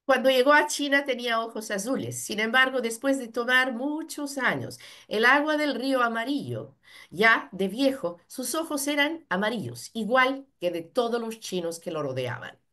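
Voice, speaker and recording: A woman's voice: fairly high pitch, expressive, moderate pace, pushed and bright. A woman interpreting at a seminar, fluently rendering the speaker's words in the first person.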